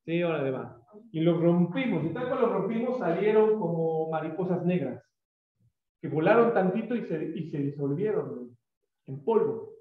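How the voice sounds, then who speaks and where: A Mexican-accented male pastor preaches with a high, lively voice, slipping into the voices of people in his stories. He is heard through an echoey room on a thin, phone-like line. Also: normal speed. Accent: Mexican Spanish. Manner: animated, acts out quoted voices. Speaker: pastor and teacher. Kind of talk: sermon with storytelling.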